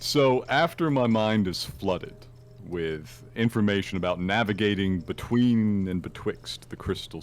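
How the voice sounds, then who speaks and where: A man's voice: low-pitched, creaky, a little hiss or hum. A man playing a tabletop game, talking in a playful, mischievous way. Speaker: player.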